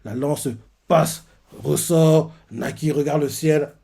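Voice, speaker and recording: A man's voice: fairly high pitch, fairly even intonation, slow pace, creaky, mellow, breathy edge. A man giving a rambling, casual reaction commentary on a manga chapter. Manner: rambling, full of fillers and "en gros".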